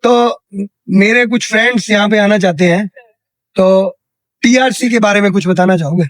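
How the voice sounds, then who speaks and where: A man's voice: sits high, normal speed, no room sound. A young Indian man from India hosting a street interview vlog outdoors in a city square, chatty and repeating answers back for his viewers. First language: Hindi. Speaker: travel vlogger interviewing a worker.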